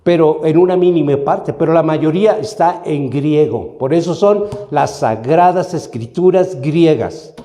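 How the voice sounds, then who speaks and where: A Mexican pastor delivers a sermon in a church hall, his voice somewhat high yet warm and mellow, with the room's echo audible. He teaches steadily at a measured pace with few pauses, often checking in with the congregation through short questions.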